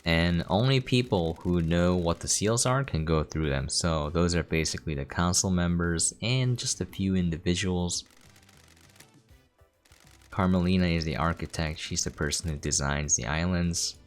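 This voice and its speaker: Game music plays as a streamer previews a game, chatting casually with his viewers and explaining what's happening. His voice is low and his pace moderate.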